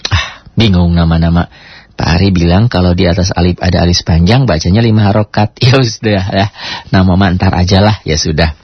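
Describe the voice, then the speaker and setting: A man with a Jakarta Indonesian accent teaches recitation, his low voice husky. He repeats syllables slowly and patiently, leaping up high on each drilled sound. The recording is dull and lo-fi, and dry like a small radio studio. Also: steady tone, no room sound. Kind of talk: tajwid lesson with drawn-out syllable drills.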